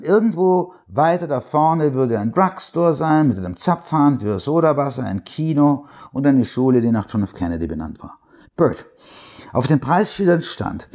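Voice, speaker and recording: A man reading a horror story aloud in a dramatic, slow, hushed narration. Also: medium pitch. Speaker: reader.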